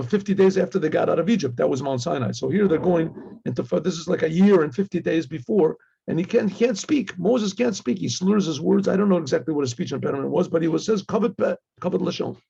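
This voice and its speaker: A man acting as a rabbi gives an informal religious lesson, reading Hebrew text and translating it conversationally while repeating phrases. He acts out dialogue and clears his throat often. His voice is on the high side, a little fast and dark in tone, with the highs cut off.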